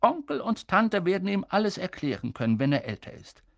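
A man voicing a gentle, wise elderly wizard headmaster in an audiobook reading, speaking softly and slowly. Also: high-pitched, creaky, no room sound, clean studio sound, pitched above the performer's own voice, heavily acted. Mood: calm. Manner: soft, calm, slow. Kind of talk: audiobook character voice.

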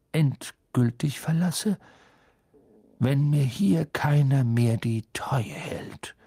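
A man voicing a calm old headmaster, slow and deliberate. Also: fairly high pitch, creaky, husky, no echo, pitched above the performer's own voice, heavily acted. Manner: very slow and distinct. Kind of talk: audiobook reading.

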